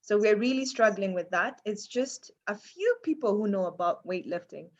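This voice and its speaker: On a slightly muffled recording, a woman with a Kenyan accent chats as an interview guest. Her voice sits at a medium pitch, and she talks casually, repeating phrases for emphasis. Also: animated, normal speed.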